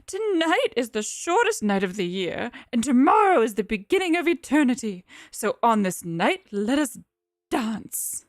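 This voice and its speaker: A woman's voice: on the high side, very animated, unhurried, no echo, clean studio sound. A woman voicing a stern, grieving village matriarch from a horror game in a theatrical, strained delivery. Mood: solemn, commanding.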